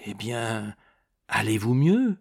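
A man voicing a troubled middle-aged painter who speaks gently and hesitantly. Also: fairly low pitch, very animated, takes it slowly, vocal fry, husky, heavily acted.

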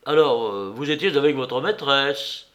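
A man voicing a severe police commissioner who questions a suspect sharply and loudly. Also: medium pitch, lively intonation, unhurried. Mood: mocking. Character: stern, probing male police commissioner.

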